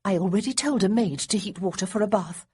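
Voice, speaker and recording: Young cousin, worried and bossy, breathy tone — woman narrator puts her on. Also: medium pitch, brisk, mellow, dry recording, clean studio sound. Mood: firm. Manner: fretful, then firm and bossy. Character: anxious, protective young female cousin.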